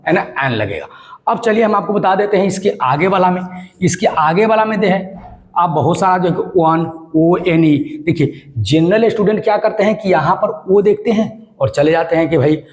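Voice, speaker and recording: Male grammar tutor, slightly high voice, emphatic Q-and-A delivery, repeats phrases. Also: animated, normal speed. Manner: emphatic, asks and answers his own questions; repeats phrases and spells letters aloud. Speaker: English grammar teacher. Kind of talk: classroom-style lesson.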